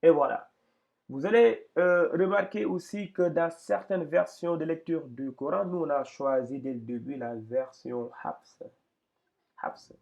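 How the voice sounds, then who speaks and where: A man's voice: on the high side, measured pace, gravelly, a little mellow. A man teaching Quran reading in an explanatory lesson, patient and hesitant, often repeating words as he points things out.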